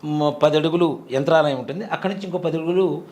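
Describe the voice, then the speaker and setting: Fast-talking man in his forties. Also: a little high. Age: 40s. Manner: vivid, animated retelling that acts out quoted voices. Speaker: interview guest recounting a temple experience. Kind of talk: conversational storytelling.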